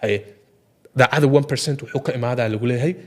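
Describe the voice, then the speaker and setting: Talking at great speed with a medium pitch, a Somali-speaking man from Ogaden takes part in a heated, informal discussion. He keeps repeating filler phrases and moves back and forth between Somali and English.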